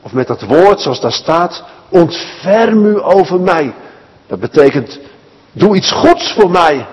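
A man preaching a children's sermon, telling a Bible story in a lively way and speaking directly to the children. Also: sits high, slow, slightly rough, big-room sound, low-quality recording.

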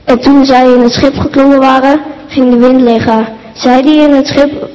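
A woman's voice: high-pitched, little pitch movement, normal speed, a little mellow. A woman reading scripture aloud in church, careful and sometimes stumbling over words. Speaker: scripture reader. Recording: dull sound with long church reverb.

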